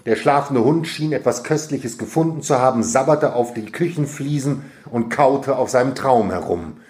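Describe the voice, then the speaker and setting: A man reading a humorous first-person story aloud, lively and amused, often laughing as he reads. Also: mid-range voice, normal speed. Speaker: reader.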